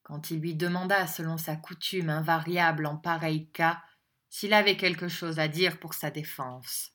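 A woman narrating an audiobook with a measured, expressive reading. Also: low voice.

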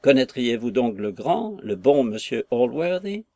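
A man's voice: mid-range voice, sing-song, a little slow, dark tone, dry recording. A man reading a lovesick young hero. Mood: puzzled. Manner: impassioned, effusive, with sighs and exclamations. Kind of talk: audiobook reading of a classic novel.

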